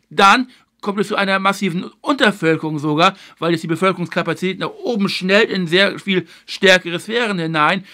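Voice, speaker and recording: A man hosting a video lecture series, explaining history in a measured way and stressing his key points. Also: high-pitched, sharp tone. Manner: filler phrase "eben halt".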